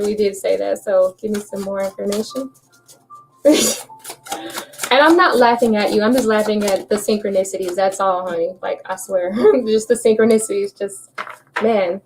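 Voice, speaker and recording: Shuffling cards on a livestream, a tarot reader chats casually and laughs a lot with her viewers. She speaks at a moderate pace with long pauses, in a medium-pitched, darkish voice, with slight background noise.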